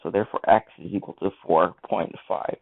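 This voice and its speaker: A man's voice: deep voice, fairly even intonation, brisk, vocal fry. A man teaching a math lesson, talking through each step of the working aloud. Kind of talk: screen-recorded lesson walkthrough. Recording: tinny lo-fi mic.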